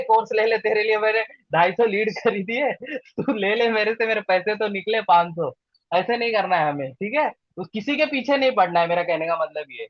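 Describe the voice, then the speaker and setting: High-pitched man coaching a sales team. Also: no echo, lo-fi sound. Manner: direct, coaching, repeats "ठीक है?". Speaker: digital marketing trainer. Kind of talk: live training session.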